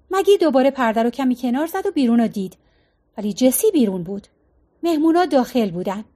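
A woman reading a story aloud as an audiobook narrator, calm and even. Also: high-pitched. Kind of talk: scripted narration.

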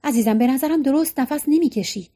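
A fussing, panicky young husband from an audiobook, voiced by a woman in a high voice. He nags and frets at everyone around him. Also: warm tone, natural voice. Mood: worried. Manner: nagging, panicky.

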